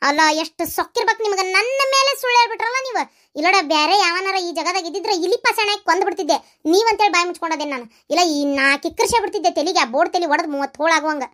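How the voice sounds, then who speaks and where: A performer voicing a greedy, sharp-tongued older mother-in-law in a comic cartoon, with a North Karnataka accent. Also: very high-pitched, rapid-fire. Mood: scolding. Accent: North Karnataka Kannada. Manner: scolding, sharp-tongued, boastful.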